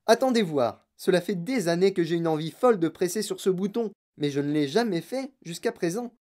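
A storybook reader voicing an eccentric, excitable grown man who makes chocolate and talks in delighted exclamations. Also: mid-range voice, a little fast, lightly acted. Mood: wildly excited.

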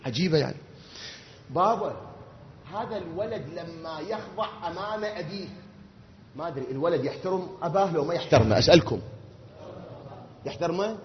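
A man with an Iraqi Arabic accent preaching a sermon, animated and full of rhetorical questions, swinging from loud outbursts to quiet asides. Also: on the high side, echoey room, in a large hall, highs cut off, slight background noise. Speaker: religious preacher.

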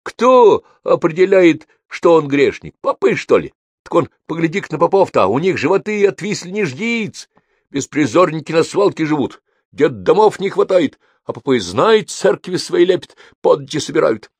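A man voicing a loud, cocky grown son who mocks and jokes. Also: on the high side, very animated, normal speed, breathy edge, dry recording, voice pushed up, exaggerated voice. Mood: rowdy. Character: brash, boisterous grown son, joker.

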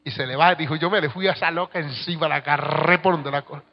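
A man preaching a sermon as pastor, telling a story and swinging from hushed tones to shouts. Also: a little high, steady tone, fast talker, vocal fry. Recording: dull lo-fi recording with long hall reverb.

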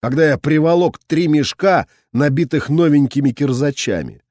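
A man narrating a war novel as an audiobook in a dramatic, expressive reading. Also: a little high, moderate pace, no room sound, studio quality. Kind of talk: scripted narration.

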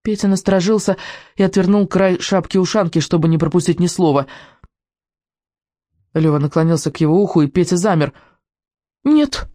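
A man narrating a children's storybook in an even, clear reading voice. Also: sits high, fairly quick, pauses often, no room sound, studio quality. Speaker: audiobook narrator.

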